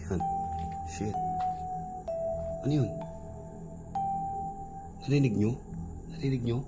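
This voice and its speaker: A hoarse young man exploring an abandoned building at night, talking to his viewers in a tense, hushed voice and swearing under his breath. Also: medium pitch, takes it slowly. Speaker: vlogger. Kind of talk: hushed exploration vlog narration. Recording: vlog over loud background music. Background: loud music.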